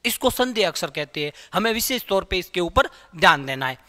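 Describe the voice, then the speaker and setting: A man teaching a grammar lesson, repeating key terms as questions and answering them himself, and sounding out letters slowly. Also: high voice, very animated, bright, forceful tone, long reverb tail. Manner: demonstrates sounds aloud, drawn out. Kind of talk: classroom-style grammar lesson.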